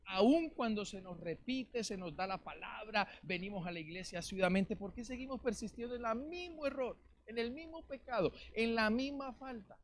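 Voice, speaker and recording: A man preaching a lively sermon as pastor in a church, calling out questions to the congregation. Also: high voice, normal speed, few pauses. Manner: calls out to the congregation, rhetorical questions. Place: church in Valencia, Spain. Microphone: live-streamed service mic.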